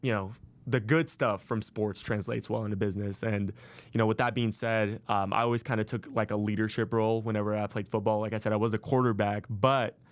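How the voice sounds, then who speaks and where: Speaking slightly fast with a steady tone, a low-voiced Las Vegas man in his twenties tells his own story alone on his podcast. It's casual, packed with fillers and restarts, and recorded dry.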